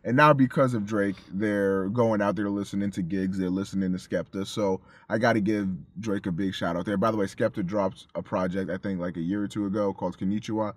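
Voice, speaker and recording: A man co-hosting a casual music review chat, animated and profane, acting out his own reactions. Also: lowish voice, fairly quick, few pauses, no room sound. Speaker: co-host of a music review show.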